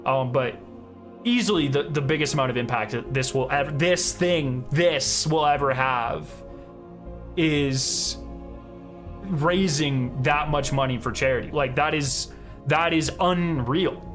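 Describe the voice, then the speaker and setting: A man's voice: fairly high pitch, measured pace, a bit bright, faint music behind. A man chatting casually on a live stream as its host, in an informal, rambling way. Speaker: streamer hosting a charity fundraiser.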